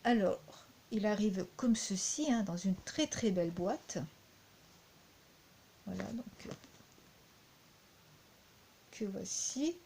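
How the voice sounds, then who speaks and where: A woman with a French accent talks through a card deck at a slow, unhurried pace. Her voice is soft and mellow, and she hesitates often, repeating words as she goes. A faint hiss sits under the recording. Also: medium pitch, expressive. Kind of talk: unhurried spoken review.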